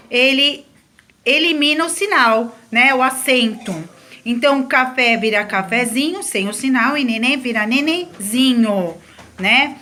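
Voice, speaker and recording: Woman teacher, fairly high voice, patient, step-by-step grammar lesson. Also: bright, forceful tone. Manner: patient, explains step by step with examples.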